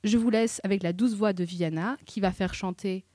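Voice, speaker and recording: A woman's voice: medium pitch, moderate pace, dark tone. A woman co-hosting a podcast, reading poems and texts aloud carefully and stumbling now and then. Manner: reads carefully, stumbles and laughs it off. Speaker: podcast co-host.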